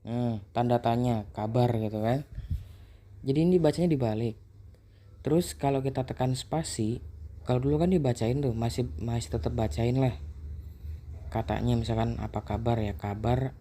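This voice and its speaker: A man's voice: mid-range voice, moderate pace, long pauses, slight background noise. A man, chatting casually as a vlogger about his experiences with an app. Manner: relaxed, conversational explaining. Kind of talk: casual chat.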